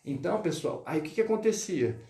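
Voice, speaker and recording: Man teaching french, echoey room. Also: on the high side. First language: Portuguese. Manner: lively teaching, greets viewers, drills pronunciation slowly. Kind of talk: live online language lesson.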